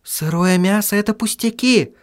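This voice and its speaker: A firm young woman, as a male narrator puts her on, presses her point with steady insistence. The voice sits high above the reader's own. Clean, smooth audiobook sound. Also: normal speed, natural voice. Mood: firm calm. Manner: urgent and insistent.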